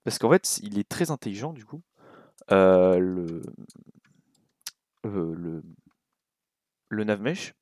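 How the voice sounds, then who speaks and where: A young French-accented man walks through a game-making tutorial in an unhurried, low voice. He thinks aloud with fillers and mutters to himself as he works. The sound is dry and close, with keyboard clicks behind him. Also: dry recording. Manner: relaxed, talks while clicking, many fillers and little asides. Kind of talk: casual screen-recorded coding tutorial.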